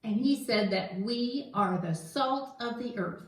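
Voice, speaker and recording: A woman's voice: on the high side, a little slow, natural voice. A woman voicing a naive, snack-loving male puppet in a church skit, earnest and literal-minded. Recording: echoey room.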